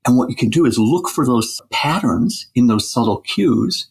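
A man with a husky, gravelly voice explaining research as a guest in a conversational interview. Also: mid-range voice, expressive, moderate pace.

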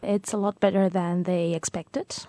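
A woman's voice: fairly low pitch, level tone, a little slow, warm tone, no echo. A woman from Greece with a Greek accent, a native Greek speaker, talking as a tour guide in an interview. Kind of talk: conversational interview.

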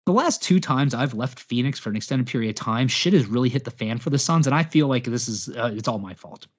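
A man in his thirties hosting a podcast in casual chat, rambling and self-mocking, often speeding up as he gets animated. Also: mid-range voice, fairly quick, breathy edge. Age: 30s. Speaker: podcast host. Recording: dull lo-fi podcast audio.

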